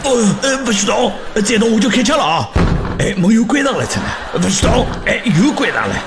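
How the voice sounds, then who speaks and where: A man with a Shanghai accent playing flustered, exasperated men in a farcical comedy sketch, animated and exclamatory. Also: sits high, a little fast, background noise. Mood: barking threats. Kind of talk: exaggerated comic sketch dubbing in Shanghai dialect.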